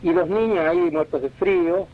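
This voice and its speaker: A man's voice: high voice, moderate pace. Rambling man, lo-fi tape. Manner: rambling, self-correcting, searches for names. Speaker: writer telling anecdotes. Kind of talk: relaxed spoken storytelling. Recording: dull lo-fi archive recording with faint hiss.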